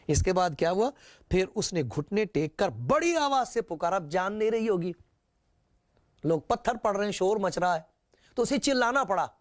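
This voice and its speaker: A man's voice: sits high, expressive. A man preaching a sermon, retelling scripture with repetition and rhetorical questions.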